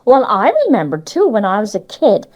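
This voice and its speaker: Brisk and very animated, this woman speaks at a medium pitch with a darkish tone. She's an older interviewee from Cornwall, England, who reminisces casually about local memories in a Cornish accent, using dialect and frequent tag questions.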